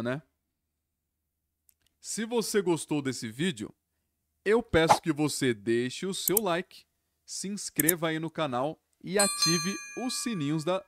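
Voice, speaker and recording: Slow, patient male English teacher. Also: fairly high pitch. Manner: slow, explains sounds step by step, repeats words. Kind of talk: pronunciation lesson.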